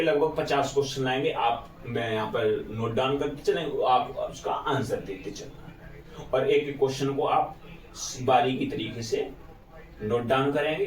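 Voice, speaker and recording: A male teacher giving an exam-prep lesson, asking his students questions and then answering them himself. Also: a little high. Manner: call-and-response questioning. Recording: echoey room, far from mic.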